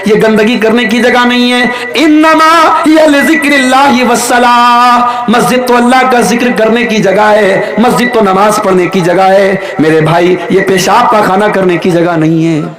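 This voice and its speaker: A man from northern India preaching a sermon with passion, rising to shouts and chanting Arabic verses slowly. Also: high-pitched, reverberant, rough recording. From Uttar Pradesh, India. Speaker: Islamic preacher.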